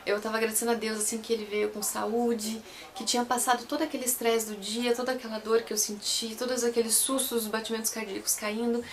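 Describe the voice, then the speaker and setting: A woman's voice: on the high side, a little hiss or hum. A young Brazilian woman telling her own story to camera in a chatty way, often repeating and correcting herself. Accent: Brazilian Portuguese. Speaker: vlogger.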